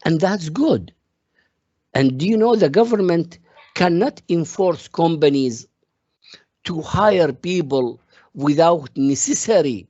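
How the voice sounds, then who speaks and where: A man from Iraq delivers a classroom economics lecture, explaining each point step by step through worked examples and calling on students. His voice is medium-pitched and dark with a breathy edge, recorded dry with the highs cut off.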